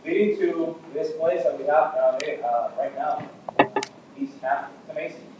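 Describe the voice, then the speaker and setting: A man serving as priest and leading a Mass in a large church, with a heavy cathedral echo. He moves from a relaxed, chatty greeting to formal prayer. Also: on the high side, normal speed, slight background noise. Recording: muffled echoey church from far off.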